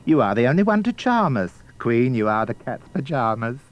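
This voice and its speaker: A woman acts a magic talking mirror in a comic storybook. The voice sits low, with expressive rises and falls. It is stately, grand and pompous. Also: moderate pace, highs cut off. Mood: flattering. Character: magic talking mirror, grand, smooth-tongued, impartial oracle.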